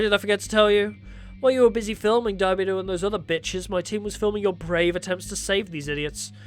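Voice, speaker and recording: A man's voice: high voice, lightly acted. A man voicing a taunting evil father and mastermind in a dramatic story, with a theatrical villain drawl. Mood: smug menace.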